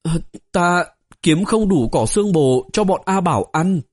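A man's voice: sits high, animated, unhurried, pitched above the performer's own voice. A man voicing a timid, tearful young female disciple who speaks meekly in a small trembling voice, in a storybook reading.

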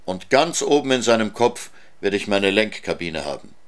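A man's voice: lowish voice, very animated, normal speed. A man reading a storybook aloud, voicing a lonely, stubborn orphaned boy who talks in an insistent, defiant way.

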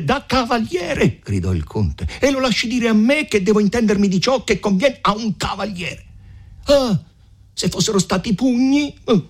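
A man reading aloud who voices an arrogant, hot-headed young nobleman, shouting and scornful. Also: very high voice, breathy edge, pitched above the performer's own voice, full character voice. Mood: mocking.

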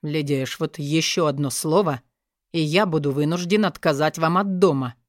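A composed young master of the house with a quiet, firm, measured delivery, voiced by a woman narrator. The voice sits low and the recording is dry. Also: no room sound, lightly acted.

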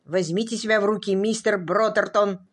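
A woman's voice: mid-range voice, steady tone, moderate pace, slightly rough, close to an everyday voice. Woman doing a dry weary doctor. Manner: dry, curt.

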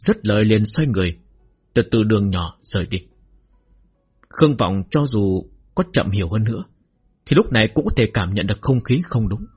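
Very husky male audiobook narrator. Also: on the low side, sing-song, moderate pace, darkish tone. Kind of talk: scripted narration of a martial fantasy novel. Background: faint background music.

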